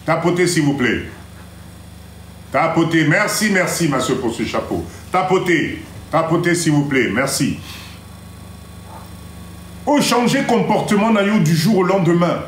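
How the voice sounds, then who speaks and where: A man with a fairly high voice hosts a motivational live stream. He talks in an animated way, drops into Lingala, and mimics other people. The sound is roomy and echoey. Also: measured pace, long pauses, slight background noise. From Congo-Kinshasa. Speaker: live stream host giving motivational advice.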